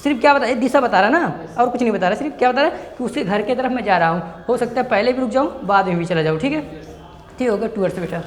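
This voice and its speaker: A man's voice: extremely high pitch, fast. A male English teacher giving a grammar lesson. He keeps asking the class a question and then answers it himself, calling his students "beta". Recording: echoey room.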